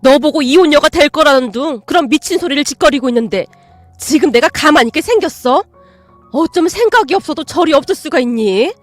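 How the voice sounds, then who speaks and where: A furious middle-aged mother shouts and scolds in a loud, raised voice, as a woman acts her out. The voice is bright and lively, with dry sound and faint music behind it. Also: sits high, fairly quick, no echo. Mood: fuming.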